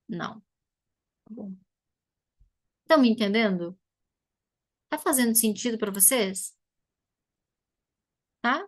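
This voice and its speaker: A woman psychoanalyst from Brazil giving a live online talk to a webcam, telling a personal story and speaking directly to her viewers. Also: fairly high pitch. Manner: storytelling, addresses audience directly.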